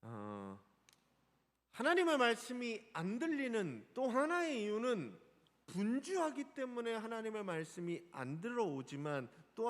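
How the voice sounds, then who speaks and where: Animated high-voiced male pastor preaching. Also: big-room sound. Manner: animated, asks the congregation questions. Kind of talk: Sunday sermon. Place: church sanctuary.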